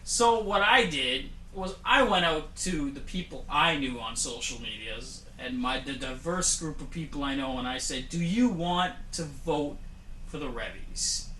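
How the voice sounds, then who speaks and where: A man's voice: a little high, a little slow, pushed and bright, echoey room, slight background noise, poor audio. A man hosting a homemade awards show, talking in playful, mock-grand banter with some hesitant restarts. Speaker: host. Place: home studio room.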